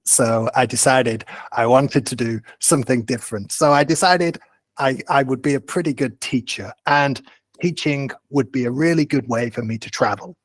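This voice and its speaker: A man, a teacher introducing himself on a video call in a friendly, clear, unhurried way. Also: medium pitch, dry recording. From England. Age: 30s. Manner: friendly, clear and unhurried, simple wording for learners. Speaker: guest English teacher.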